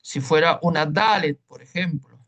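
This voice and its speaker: A man's voice: a little high, normal speed, fairly bright tone. A man teaching a Hebrew class online, explaining patiently and checking in with listeners as he goes.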